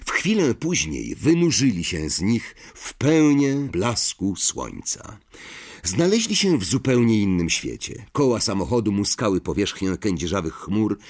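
This male audiobook narrator has a fairly low, husky voice. His reading is expressive, with pitch that climbs and falls in a lively way throughout.

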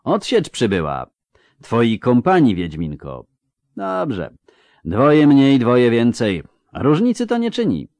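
A man's voice: fairly low pitch, sing-song, unhurried, darkish tone, no echo. Male narrator voicing a menacing, hissing bounty hunter, dry studio audiobook read. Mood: mocking. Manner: sneering, hissing.

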